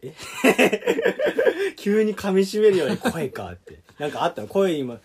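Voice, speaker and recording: A young man on a comedy radio chat who fires back quick reactions and laughs a lot. He has a high voice. His pitch leaps around wildly. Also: wildly swooping pitch, breathy edge. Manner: quick reactions, laughs often, breaks into impressions. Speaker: radio show co-host.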